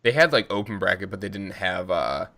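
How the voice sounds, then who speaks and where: A young man with a very low voice tells gaming stories in a loose, rambling way on a podcast. His tone is bright and forceful. It sounds like easy chat between friends at a desk mic. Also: expressive, a little fast, vocal fry. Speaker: podcast co-host, competitive gamer. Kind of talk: casual chat.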